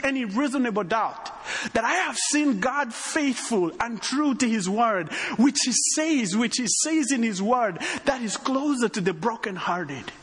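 A Rwandan man preaches a sermon as a guest pastor, his own accent carrying a slight Texan touch. His voice is very high-pitched and fairly bright, trailing a long reverb tail. He is emphatic, full of repeated phrases and call-outs.

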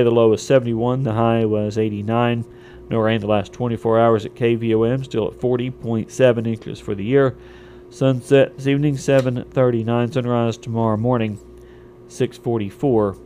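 A man's voice: medium pitch, mellow, slight background noise. A man reading a scripted local radio sports and weather newscast as a station announcer. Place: radio studio.

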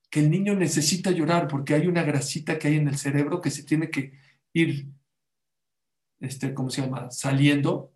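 A religious teacher preaches to his listeners, often stopping to ask them questions and weaving in Hebrew sayings. His voice sits a little high for a man. The room around him is echoey. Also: a little mellow. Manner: asks the audience rhetorical questions, cites Hebrew sources. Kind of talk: sermon-style talk on parenting.

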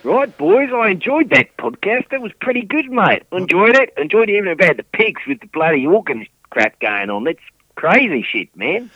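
A man's voice: sits high, very animated, normal speed, no room sound, dull audio, pitched above the performer's own voice. A man voicing a matey, slangy, dim pub-going Australian bloke with a broad accent in a comic podcast sketch. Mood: matey, easygoing. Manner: matey, slangy and laid-back.

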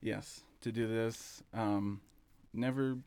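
Relaxed low-voiced man, rambling chat. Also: slow pace, noisy background. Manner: relaxed, rambling, many fillers and restarts, laughs easily. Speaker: café founder, interview guest. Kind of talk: casual interview chat.

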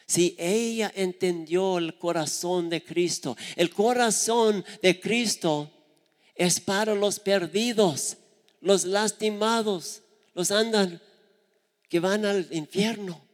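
A man's voice: high-pitched, slow, in a large hall. A man preaching a sermon, telling stories earnestly and acting out the voices of the people he quotes. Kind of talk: sermon with storytelling.

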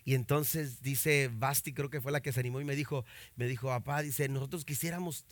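A man's voice: medium pitch, fairly even intonation, brisk, dry recording. A man preaching a sermon as pastor, telling family stories with many fillers and then reading scripture with rising fervor.

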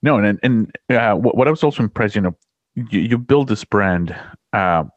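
Casting note: male podcast host, very low pitch, hesitant and repetitive, dry muffled recording. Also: dry recording. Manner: halting, repeats words, supportive interjections. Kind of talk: casual interview. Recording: dry, dull lo-fi sound.

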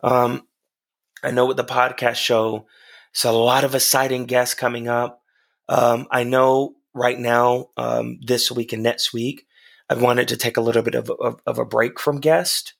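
A man hosting a motivational podcast in an earnest, encouraging way, his voice hoarse today. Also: mid-range voice, level tone, a little slow. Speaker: podcast host.

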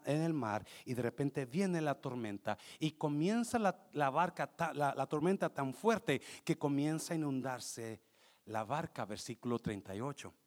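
A male pastor preaching a fervent sermon that swings between shouting and hushed tones. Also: medium pitch.

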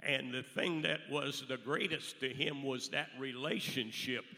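A man preaching a church sermon in a raspy, hoarse voice, speaking deliberately in short weighted phrases. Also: medium pitch, sharp tone. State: hoarse from allergies. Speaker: pastor preaching to a congregation. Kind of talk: church sermon with Bible readings and prayer. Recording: reverberant hall, faint music.

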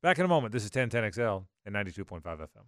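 A man's voice: fairly low pitch, sing-song, very fast. A man hosting live sports talk radio, emphatic and often repeating his phrases.

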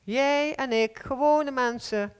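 A woman preaching a sermon to a congregation in a heartfelt, earnest way, slowing down to stress key phrases. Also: sits high, smooth. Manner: earnest, heartfelt, with slow emphatic stretches. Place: church hall. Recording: long hall reverb.

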